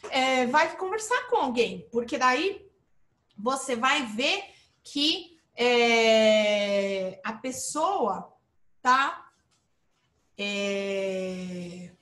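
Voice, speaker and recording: A woman teaching a live online English lesson, explaining with lively emphasis and checking in with her viewers. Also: a little high, very slow, roomy sound.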